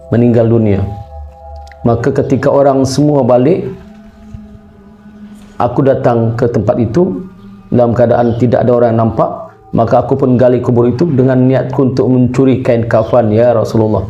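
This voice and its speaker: A man's voice: mid-range voice, dark tone, dull audio, natural voice. A man voicing a tearful young man who pleads and confesses a grave sin.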